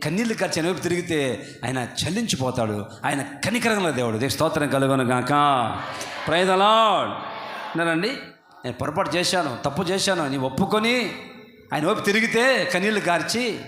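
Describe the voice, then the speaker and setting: A man preaching to his congregation in a church hall, his voice pitched high for a man. He builds to impassioned, drawn-out emphasis and speaks to the listeners directly and politely. The sound rings with a long, roomy reverb. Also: a bit bright, slight background noise. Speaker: pastor. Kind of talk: sermon.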